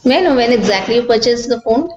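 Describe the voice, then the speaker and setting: A woman with an Indian accent playing a calm, reassuring customer service executive, speaking in a polite, formal customer service voice. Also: on the high side, fast, natural voice. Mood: polite, composed. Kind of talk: customer service role-play. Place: small office with bare walls. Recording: echoey room, dull sound, faint noise.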